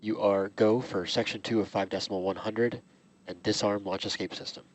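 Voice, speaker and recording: A man acting as launch controller, giving brisk, formal call-outs over a radio link. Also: lowish voice, fairly even intonation. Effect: distant radio link. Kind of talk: terse radio procedure calls. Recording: distant radio feed.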